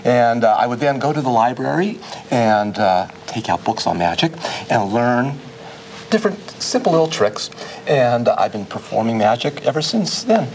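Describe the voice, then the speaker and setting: A man, a guest magician and teacher, chatting to children in a television studio with halting, hesitant phrasing. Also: mid-range voice, expressive, a little mellow, a little hiss or hum, poor audio. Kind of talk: interview chat aimed at children.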